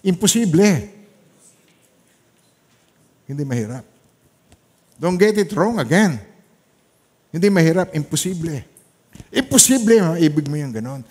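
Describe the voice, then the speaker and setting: A man with a Filipino accent preaching a sermon, dropping to soft asides and rising to loud, emphatic peaks as he mixes English into his talk. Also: a little high. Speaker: pastor. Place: church hall. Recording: reverberant church hall.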